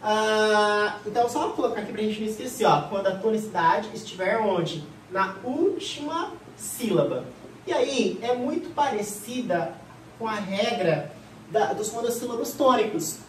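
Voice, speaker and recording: A woman teaching a grammar class for an exam, who asks the class questions and answers them herself in a lively way. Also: medium pitch, slight background noise. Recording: echoey room, voice from far off.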